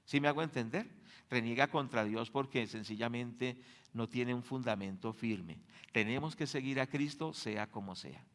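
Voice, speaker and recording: A man with a Colombian accent delivering a sermon as pastor. He keeps checking in with the congregation through rhetorical questions and moves between loud emphasis and quiet, dropped phrases. Now and then he acts out the voices of people he quotes. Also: normal speed. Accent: Colombian Spanish. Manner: acts out quoted voices with big jumps in pitch; dramatic swings in volume from loud to soft.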